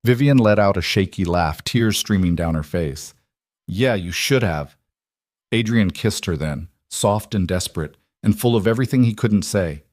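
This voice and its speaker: Low-voiced man narrating a drama. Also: expressive, normal speed, hardly any pauses, a little mellow, dry recording, clean studio sound.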